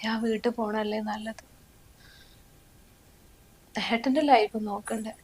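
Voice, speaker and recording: A young woman playing an ill, gentle wife, speaking softly through tears in a family short film. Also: fairly high pitch, moderate pace, a little hiss or hum, natural voice, poor audio. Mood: tearful. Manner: soft, pleading, flat delivery. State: crying.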